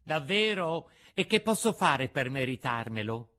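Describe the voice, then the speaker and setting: A man voicing a mischievous, impulsive wooden boy puppet in a storybook reading, in a high, excitable, pleading voice. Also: a little slow, heavily acted. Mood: eager.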